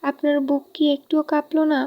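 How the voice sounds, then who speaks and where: A woman's voice: high-pitched, monotone, moderate pace, natural voice. A woman reading a storybook, voicing an emotional, pleading young woman in love. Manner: pleading, tearful. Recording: dull lo-fi recording.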